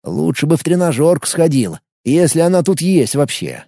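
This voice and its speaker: A man's voice: a little high, sing-song, normal speed, gravelly, warm tone, dry recording, studio quality. A man narrating an audiobook in first person, with an ironic storytelling manner.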